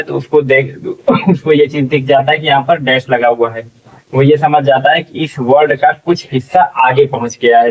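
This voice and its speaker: A male English teacher slowly sounding out words letter by letter in a spelling lesson, often checking in with the class. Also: on the high side. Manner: slow, drawn-out syllable-by-syllable sounding out; frequent "theek hai" check-ins. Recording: distant, dull lo-fi recording.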